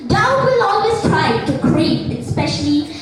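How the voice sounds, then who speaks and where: A woman's voice: very high-pitched, big pitch swings, measured pace, a loud crowd. A young female student delivering a formal speech in a declamation contest, with emphatic, dramatic oratory. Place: large echoey indoor hall, distant microphone. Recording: echoey hall from far off, music behind.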